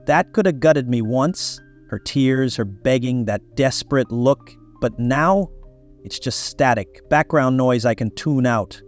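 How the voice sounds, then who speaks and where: A man's voice: medium pitch, a little slow, faint music behind. A man narrating a first-person story in a wry, blunt manner.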